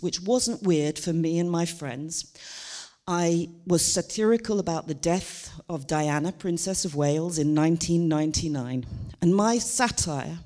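A woman's voice: lowish voice, dark tone. A woman who was trained as an actor, giving a stand-up monologue to a live audience and moving between chatty asides and theatrical declamation. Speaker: stage performer. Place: stage before a live audience.

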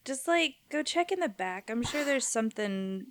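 A woman's voice: on the high side, animated, normal speed. A woman playing her character in a tabletop role-playing game, talking casually with a drawl. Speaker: player.

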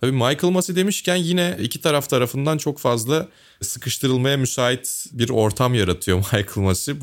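A man co-hosting a casual talk show, giving opinions at length and thinking aloud with fillers. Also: lowish voice. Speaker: podcast co-host. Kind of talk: casual conversational commentary.

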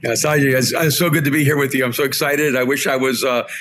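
Spanish-native man, podcast guest, thoughtful storyteller, steady mid pitch. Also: quick pace. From El Salvador. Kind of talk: reflective storytelling. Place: remote call from home.

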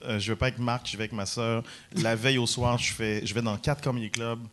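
A man from Quebec, a guest comedian telling animated stories and acting out quotes in high voices. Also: quick pace, a little hiss or hum. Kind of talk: casual storytelling.

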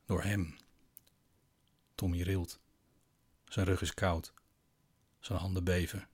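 Low, hushed male storyteller. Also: level tone, breathy edge. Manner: quiet, slow, hushed with long pauses. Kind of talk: scripted narration of a bedtime horror story.

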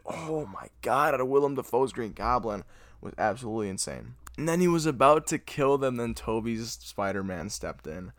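A young man hosting a podcast, reviewing a movie in casual chat, excitable and gushing, with lots of filler words. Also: mid-range voice, a little fast, no echo. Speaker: podcast host.

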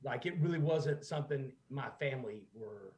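A man's voice: medium pitch, lively intonation, normal speed, darkish tone. A man from North Carolina with a Southern accent, a musician guest chatting casually over a video call, rambling with lots of fillers. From North Carolina, USA. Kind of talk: casual chat.

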